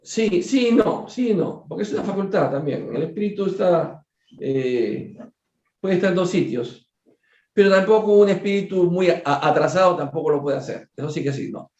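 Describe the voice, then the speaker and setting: Male study leader, animated and repetitive, slightly high voice, roomy lo-fi sound. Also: moderate pace. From Peru. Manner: animated, repeats words, jokes and acts out dialogue. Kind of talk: study group talk. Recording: echoey room, dull lo-fi sound.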